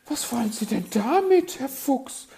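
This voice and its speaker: Male reader as a high, piercing lady magpie, vain and indignant; loud, lively storybook part. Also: unhurried, creaky, background noise, exaggerated voice. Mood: alarmed. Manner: shrill, indignant, pleading. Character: fussy, vain female magpie.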